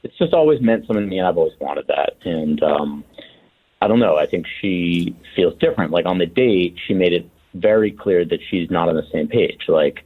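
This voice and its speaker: A young man on speakerphone over a phone line, talking haltingly with lots of fillers. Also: sits low, expressive, slightly rough. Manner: hesitant, halting with filler words. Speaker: radio prank call subject. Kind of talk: casual phone chat.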